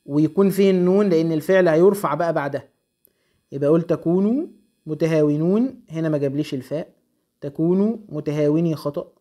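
A young man with an Egyptian accent, teaching an Arabic grammar lesson and working briskly through exam exercises, slowing to stress each answer. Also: a little high, dark tone. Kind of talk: recorded exam-prep lesson.

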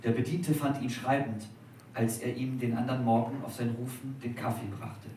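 Male reader, dramatic literary reading, heard from far off in a very echoey dining room with faint background noise. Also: medium pitch. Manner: measured, expressive. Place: restaurant at a live dinner reading.

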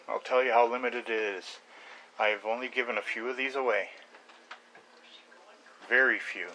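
Older man, bright voice, halting ramble. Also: mid-range voice, a little hiss or hum, poor audio. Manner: rambling, halting, with many uhs and restarts. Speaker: hobby carver and channel host. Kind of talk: casual home video show-and-tell. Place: small room at home with shelves of model trucks. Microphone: webcam close to the face.

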